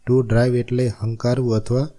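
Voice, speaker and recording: Gujarati-accented guy teaching spelling, real dark mellow voice, says each letter one by one. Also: mid-range voice, little pitch movement, moderate pace. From Gujarat, India. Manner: spells words out letter by letter, repeats each meaning. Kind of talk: spelling lesson.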